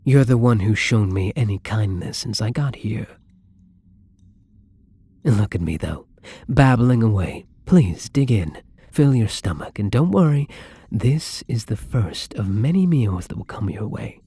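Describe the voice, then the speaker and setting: A man gives a full character voice to a tender male vampire in an intimate ASMR roleplay, with no room sound. Very husky and breathy, fairly low with a mellow, dark tone, he speaks unhurriedly with lively intonation, softly and caringly as if to someone nearby. He comes across as earnest, apologetic, soft-spoken, tender, and breathy.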